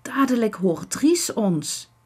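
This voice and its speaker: A woman's voice: a little high, very animated, slow, breathy edge, pitched above the performer's own voice, heavily acted. A woman voicing a sensible, cautious young boy who speaks dryly and sternly in a storybook reading. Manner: dry and stern, keeps the others in line.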